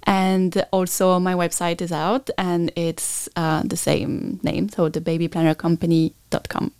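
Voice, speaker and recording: A woman's voice: fairly low pitch, level tone, unhurried, darkish tone, clean tone, dry recording, studio quality. A native French-speaking woman with a French accent, explaining things earnestly as a guest in a conversational interview. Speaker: podcast guest, maternity consultant.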